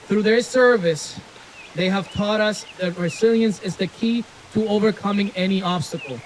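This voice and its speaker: High-pitched man in a military speaking voice. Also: poor audio. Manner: loud, projected military delivery. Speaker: city veteran service officer. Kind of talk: formal prepared speech. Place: outdoors at a memorial ceremony, public address. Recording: outdoor recording with faint noise.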